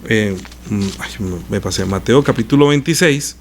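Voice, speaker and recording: A man preaching a conversational Bible lesson, animated and asking the congregation rhetorical questions. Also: fairly low pitch, moderate pace, a little hiss or hum.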